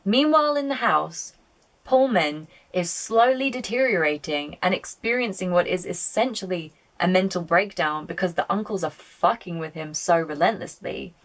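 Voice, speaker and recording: A woman's voice: fairly low pitch, expressive, normal speed. A woman giving casual video-essay film commentary, chatty, opinionated and prone to swearing. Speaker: film reviewer.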